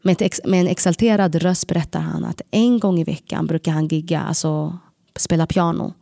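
A woman telling a personal story to an audience, lively and self-mocking, acting out the voices she quotes. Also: lowish voice, creaky, no room sound, studio quality.

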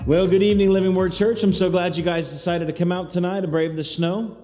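His voice is high-pitched and warm, fairly quick, with fairly even intonation, and faint music plays behind him. He's an associate pastor at an evening service in a church hall, running call-and-response so the congregation repeats after him, all bathed in a cave-like echo.

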